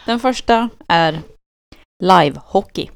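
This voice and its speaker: A woman in casual podcast chat, talking in a tired, low-key, dry way. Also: animated, clear, resonant tone, no echo.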